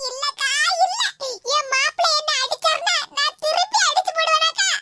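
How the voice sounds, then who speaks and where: A woman doing a very high, squeaky cartoon housewife with a Tirunelveli Tamil accent, wailing and gossiping about a slight. The sped-up voice sits over a noisy track full of clicks. She whines in self-pity between bursts of scandal. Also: brisk, bright, forceful tone. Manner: wailing, self-pitying complaints mixed with gossip. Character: gossiping village housewife, aggrieved and dramatic.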